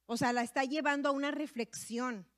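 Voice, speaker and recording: A woman's voice: sits high, fairly even intonation, a little fast, a bit bright. A woman giving a conversational sermon to women, sprinkling in tag questions and fillers as she talks. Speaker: women's ministry speaker.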